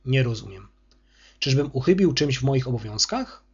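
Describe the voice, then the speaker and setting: A man's voice: mid-range voice, expressive, normal speed, slightly rough, highs cut off. A man voicing a polite, restrained older headmaster in his sixties who defends himself. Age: 60s. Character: older male school headmaster, calm but offended.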